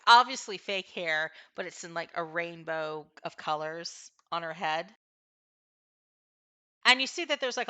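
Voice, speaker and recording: A woman narrating a tabletop fantasy game as game master, improvising haltingly as she thinks aloud. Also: medium pitch, pushed and bright.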